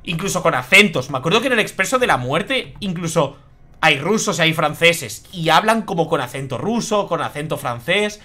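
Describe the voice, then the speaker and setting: Spanish man, young adult, game streamer; lively swooping delivery, bright tense tone, swears freely. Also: a little high, normal speed. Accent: Spain. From Spain. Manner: chatty, swears freely, reacts aloud. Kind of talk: live gameplay commentary.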